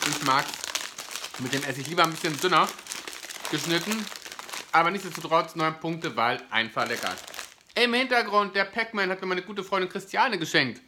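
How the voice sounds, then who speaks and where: Man, lively swooping intonation, bright voice, casual gushing review chat, noisy room. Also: on the high side. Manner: enthusiastic, gushing. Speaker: food review host. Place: indoor living room, seated on a sofa. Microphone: camera or phone at about arm's length.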